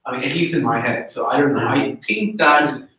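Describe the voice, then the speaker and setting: A man's voice: mid-range voice, expressive, normal speed, bright, forceful tone. A man in an informal group discussion, thinking aloud in a conversational way. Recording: very echoey room, distant mic.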